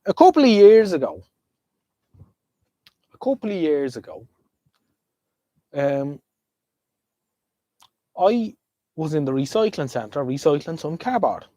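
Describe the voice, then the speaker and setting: Sniffling with a slight head cold, an Irish livestream host rambles chattily to viewers through a desk mic. His dark, fairly high voice has a sing-song quality, moving slowly with long pauses, and no room sound is audible.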